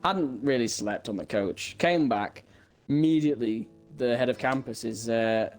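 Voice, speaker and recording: A man's voice: mid-range voice, moderate pace. Young guy rambling thru a funny story, lots of stammering, faint music under it. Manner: rambling, stammering with many restarts and mock-quoted dialogue. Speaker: podcast co-host. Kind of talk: casual comedic storytelling.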